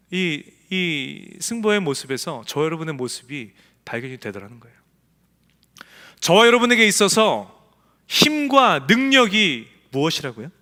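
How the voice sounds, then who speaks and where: Male pastor, high voice, lively swooping delivery, emphatic sermon, long church-hall reverb. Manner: emphatic, acts out quoted voices. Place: church sanctuary.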